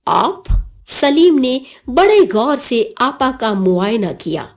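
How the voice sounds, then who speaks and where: A woman reads a children's story aloud in an expressive storybook manner. Her voice is high and swings up and down. She takes each phrase slowly and clearly.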